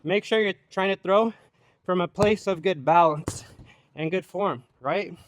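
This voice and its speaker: High-pitched male boxing coach calling drills. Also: measured pace, no echo. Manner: clipped, rhythmic call-outs of punches; calling out while hitting a punching bag. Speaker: boxing coach leading a follow-along workout.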